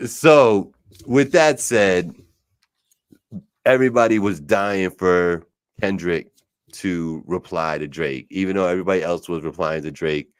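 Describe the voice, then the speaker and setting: A man's voice: deep voice, unhurried, clean tone, no room sound, studio quality. A man co-hosting a casual podcast, laid-back, asking questions and agreeing often. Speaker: podcast co-host. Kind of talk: casual chat.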